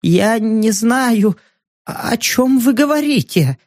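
A man voicing a panicky, cowardly fat journalist in an audiobook, stammering and squealing in a high, strained voice. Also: lively intonation, slow pace, dry recording, studio quality, exaggerated voice. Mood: terrified. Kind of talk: audiobook narration.

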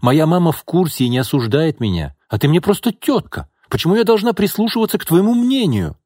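A defiant young woman, as a male reader puts her on, her voice lifted high and strained as she talks back. The delivery is heated and animated, rising and falling widely. Recorded dry and close. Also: fairly quick, no room sound. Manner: defiant, pleading. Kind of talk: audiobook character voice.

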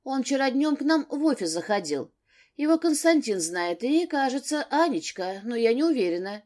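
A woman narrator voicing a young wife who speaks softly and pleadingly, close to tears. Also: high voice, big pitch swings, moderate pace, voice pushed up. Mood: anxious. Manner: soft, pleading. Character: young wife, tearful, tender and afraid.

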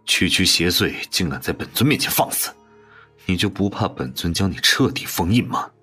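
Man playing an arrogant raspy demon lord. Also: low voice, lively intonation, normal speed, bright, forceful tone, faint music behind, exaggerated voice. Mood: threatening. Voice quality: raspy, haughty and commanding. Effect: reverb. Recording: long echoing reverb effect.

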